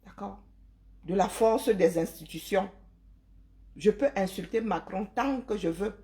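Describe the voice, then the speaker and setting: On her live stream, a Cameroonian woman with a dark-toned, medium-pitched voice takes her time as she lectures viewers with conviction. The opinionated monologue is full of rhetorical questions and the tag "hein".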